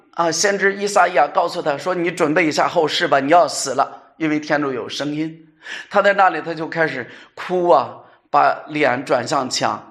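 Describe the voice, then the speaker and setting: A man preaching a sermon in an earnest way, his voice rising for emphasis and dropping to soft, low asides, with many small fillers.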